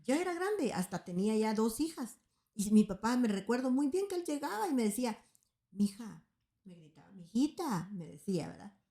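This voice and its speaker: In an echoing room, a woman preaches earnestly in a slightly high, sing-song voice with a dark tone and a brisk pace. Her sermon-style teaching is dotted with repeated "right?" checks to the listeners.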